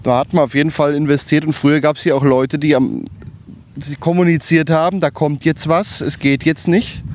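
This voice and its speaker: A man's voice: a little high, fairly even intonation, normal speed, a little mellow. A man hosting a hiking podcast outdoors, explaining things in a casual, conversational way as he walks. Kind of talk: casual on-location commentary.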